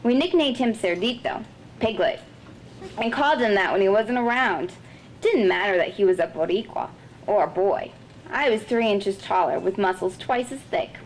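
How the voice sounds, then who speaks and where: A woman author reading her own fiction aloud at a literary festival, measured and expressive. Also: medium pitch, slight background noise, poor audio.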